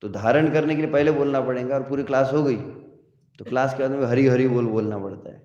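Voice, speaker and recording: A man of ordinary pitch teaches scripture in a devotional lecture, drawing out the chanted verses before explaining them in plain talk. The recording is muffled and somewhat dull. It carries the long echo of a large hall. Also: a little mellow. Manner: chants verses slowly, then explains in conversational Hindi. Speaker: spiritual teacher.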